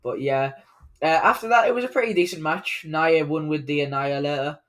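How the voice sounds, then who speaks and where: A man's voice: a little high, brisk, fairly bright tone. A man giving a casual, unscripted recap of a wrestling show, rambling along with plenty of fillers and self-corrections.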